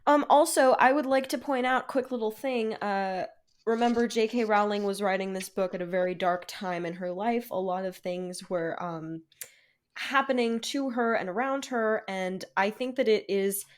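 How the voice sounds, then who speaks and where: A woman's voice: medium pitch, normal speed. A young woman co-hosting a casual book podcast, chatty and laughing easily, with casual swearing. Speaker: podcast co-host. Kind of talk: casual book-club chat.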